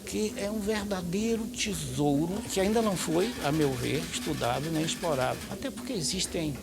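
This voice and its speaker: A man with a Bahian accent, explaining in a measured way in a documentary interview. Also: high voice, vocal fry.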